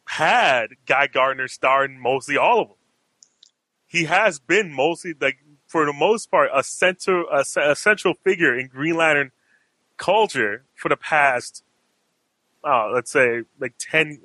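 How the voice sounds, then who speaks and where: A man with a bright, forceful voice hosts a casual comics podcast. He rambles with restarts and throws questions to the panel. The sound is dry and close to the mic. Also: a little high, no echo, low-quality recording. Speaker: podcast host. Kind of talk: casual chat.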